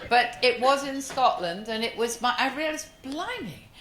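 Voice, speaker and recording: A woman's voice: a little high, normal speed, crowd noise. An older woman telling chatty, laughing anecdotes as a panelist at a fan convention. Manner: chatty, laughing, lively storyteller. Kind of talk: casual anecdotes on stage. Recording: echoey hall, faint ambience.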